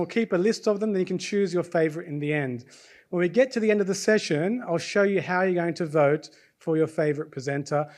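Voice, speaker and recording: In a university lecture hall, an Australian man with an Australian accent hosts a student presentation event, keeping it lively and chatty before the audience. He keeps checking in with "right?" and quizzes the crowd, his high voice a little mellow.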